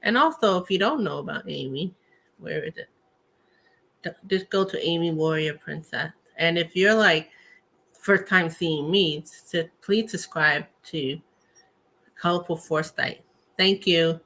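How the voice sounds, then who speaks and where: Woman host, bright forceful voice, slightly low pitch, casual rambling chat. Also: unhurried, vocal fry. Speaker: host of a tarot and spirit talk show.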